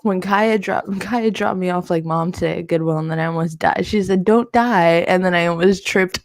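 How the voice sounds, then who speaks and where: A woman chats on a live podcast in a lower register. She rambles through her stories and laughs often. Her voice sits close and dry on the mic. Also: fairly even intonation, a little fast, no room sound. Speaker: podcast co-host. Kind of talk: casual chat.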